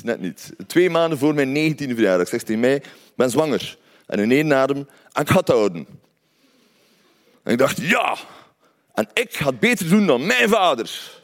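A man's voice: mid-range voice, darkish tone. A man from Ghent with a Flemish accent, telling a personal story in a conversational way with wry asides to his listeners. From Belgium, Ghent.

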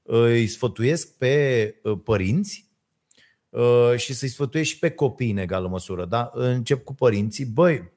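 A man's voice: mid-range voice, a little mellow. A man ranting in casual conversation, with frequent hesitations and fillers. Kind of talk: casual chat.

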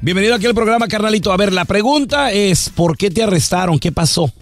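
Teasing radio host with a high voice. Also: male voice, fast, soft background music. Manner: teasing, joking, jumps into put-on voices. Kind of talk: comic radio chat. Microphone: studio mic.

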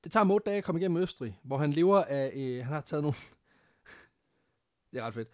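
A man's voice: on the high side, expressive, a little mellow, no echo, studio quality. A man casually telling a history story on a podcast, laughing often and swearing freely, with English phrases mixed in.

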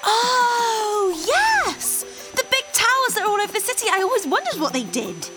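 Brief: woman as very high-voiced, playful kid hero for a children's audio adventure. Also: very animated, normal speed, over music. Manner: eager, jokey. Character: excitable, playful young hero who addresses the listeners. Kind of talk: kids' audio drama.

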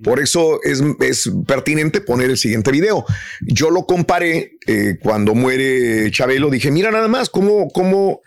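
A man's voice: mid-range voice, unhurried. A man with a Mexican accent hosting a casual entertainment talk show, teasing and leading the topics. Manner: lively, teasing, leads topics. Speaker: radio show host.

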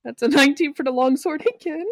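A woman's voice: high voice, fast talker, no room sound, clean studio sound. A woman speaking casually as a player in a tabletop game, calling out rolls and moves.

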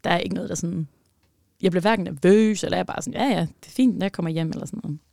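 A woman telling a personal story in a casual chat, her voice gravelly and fry-laden. She talks animatedly, swinging between loud bursts and hushed near-whispers. The sound is dry and close, with no room around it. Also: fairly low pitch, no room sound.

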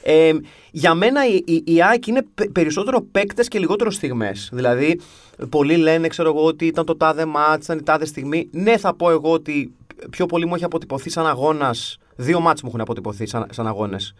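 A man's voice: fairly high pitch, no room sound. A man chatting casually as a podcast co-host, telling stories with wry, grumbling humor. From half English. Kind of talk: casual chat.

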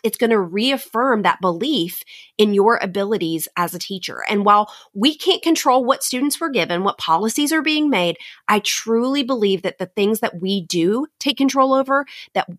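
A woman's voice: medium pitch, fairly bright tone, no room sound, studio quality. A woman hosting a motivational solo talk for teachers, speaking in an earnest, direct and encouraging way. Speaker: podcast host and teacher coach.

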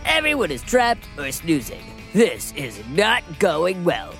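A chatty sidekick host, played by a woman, narrates a children's adventure with wildly swinging intonation. The voice sits a little low and is theatrical and put-upon, with faint music behind. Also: wildly swooping pitch, slow, creaky, fairly bright tone, exaggerated voice. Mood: dramatic, excitable. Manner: theatrical, conversational. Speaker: story host. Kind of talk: animated children's story narration.

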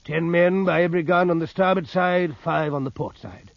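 An actor playing a naval officer who narrates his sea battle in a grave, measured, literary manner. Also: fairly high pitch, gravelly, dry recording. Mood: tense, measured. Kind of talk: dramatic scripted first-person narration. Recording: dull sound with music behind.

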